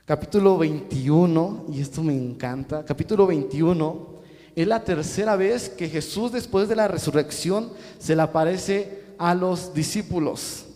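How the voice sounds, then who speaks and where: A man's voice: fairly high pitch, unhurried, mellow. A male preacher giving a sermon in a church, asking the congregation rhetorical questions. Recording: echoey hall reverb.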